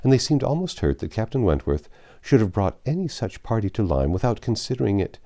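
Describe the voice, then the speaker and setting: Reading classic literary fiction for an audiobook, a man with a fairly low pitch narrates in a measured, expressive manner.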